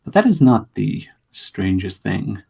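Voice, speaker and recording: A man with a low, husky, darkish voice runs a tabletop role-play as game master. He narrates very slowly and deliberately, with big pitch swings and dramatic pauses between phrases.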